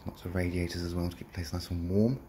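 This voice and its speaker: A man with an English accent and a low, warm voice talks fast and flatly while giving a plain, matter-of-fact walkthrough of a shop building he's selling. He films on a handheld phone as he walks through the empty rooms, with slight background noise in this casual property tour.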